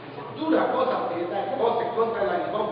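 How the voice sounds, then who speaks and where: High-voiced preacher man in echoey hall. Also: expressive, moderate pace, a little hiss or hum. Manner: emphatic, asks the congregation questions. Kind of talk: Bible class sermon. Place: church hall. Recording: distant, echoey church hall, lo-fi.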